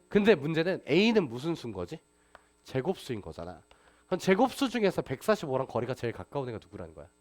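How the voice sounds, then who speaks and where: A man's voice: mid-range voice, a little mellow. A man teaching a math class, lecturing and constantly asking his students rhetorical questions. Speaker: math tutor.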